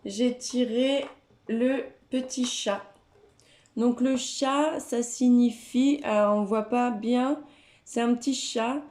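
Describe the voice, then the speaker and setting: A woman speaking French gives a gentle, hesitant card-reading guidance, with many fillers. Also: a little high, steady tone, slow pace, reverberant. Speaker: tarot and oracle card reader.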